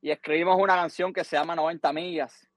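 A man's voice: on the high side, fast talker, no echo. Cuban man telling a story, dry sound. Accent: Cuban Spanish. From Cuba. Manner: animated, repeats words, acts out quotes. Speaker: guest musician. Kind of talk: casual podcast storytelling.

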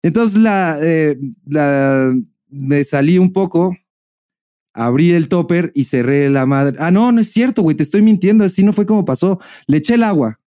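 A Mexican-accented man co-hosting a podcast, telling a rambling story with lots of swearing and bursts of laughter. His voice sits a little high but sounds mellow and dark, and it is recorded dry and close with no room sound. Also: moderate pace, no echo. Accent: Mexican Spanish. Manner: profane, animated, laughing storyteller. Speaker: podcast co-host. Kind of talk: casual storytelling chat.

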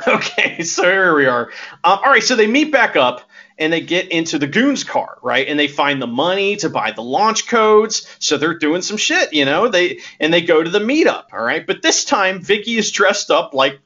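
Animated high-voiced man recapping a movie. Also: normal speed. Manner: animated, laughs often, acts out quoted lines. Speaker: podcast co-host. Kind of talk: casual movie recap chat. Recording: dull lo-fi audio.

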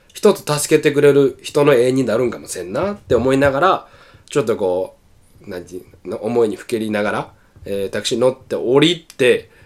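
A man with a Kansai accent telling funny stories in casual chat as a radio host, animated and laughing often. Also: mid-range voice. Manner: animated storyteller, bursts into laughter.

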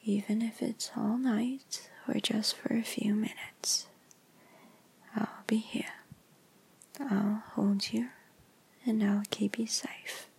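A woman whispering softly in a soothing, lulling ASMR comfort roleplay, close to the microphone. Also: on the high side, vocal fry, breathy edge. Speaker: ASMR creator.

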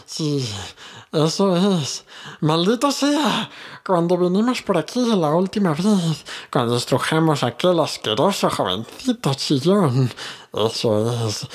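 Gollum. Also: male voice, full character voice. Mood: wailing. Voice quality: hissing, muttering to himself. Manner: whining, cursing, sudden high outbursts. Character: wretched ancient cave creature, hissing, obsessive. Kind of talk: audiobook character reading.

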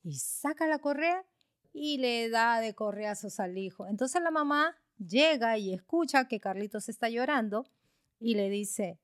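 Animated woman preaching through a story. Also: on the high side, unhurried, dry recording, studio quality. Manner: animated, with frequent fillers. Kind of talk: storytelling sermon.

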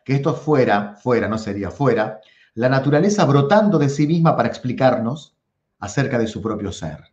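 A man with a Rioplatense Spanish accent, a philosophy teacher giving a lively lecture and speaking straight to his viewers, often repeating words to stress them. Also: mid-range voice, roomy sound, highs cut off. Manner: animated, addresses viewers directly, repeats words for emphasis.

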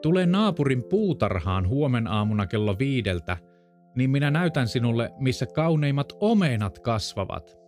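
A man's voice: mid-range voice, big pitch swings, darkish tone, soft background music, close to an everyday voice. A man voicing a sly, menacing big bad wolf in a storybook reading. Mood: sweet-talking.

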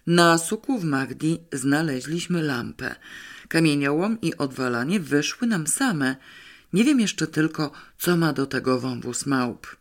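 A man's voice: fairly high pitch, a little slow. A man voicing an eager, clever young girl who works out clues aloud in an audiobook reading. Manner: excited, reasoning things out.

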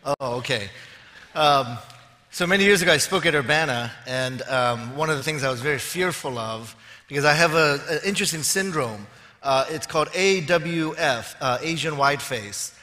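A man in his fifties delivers a sermon to a large audience in a fairly high, expressive, pushed and bright voice at a moderate pace. He makes wry, self-deprecating jokes and asides before turning to his teaching, and the large auditorium adds long hall reverb.

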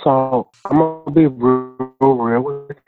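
A man's voice: medium pitch, steady tone, slow, over music. Man on a glitching, breaking-up call line. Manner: loose and rambling, lots of fillers. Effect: glitching, breaking-up call audio. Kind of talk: casual chat. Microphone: remote call. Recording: tinny dry call line.

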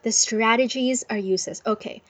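A woman's voice: a little high, fairly quick, a bit bright, no room sound, low-quality recording. Woman podcasting from under a blanket, very dry. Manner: bubbly, affectionate, motivational. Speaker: podcast host. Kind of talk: casual solo podcast monologue. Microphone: close microphone.

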